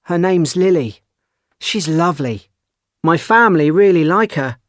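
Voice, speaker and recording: A young man playing a nineteen-year-old student who introduces his family in slow, even textbook audio. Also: on the high side, no room sound, clean studio sound. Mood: plain. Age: young adult.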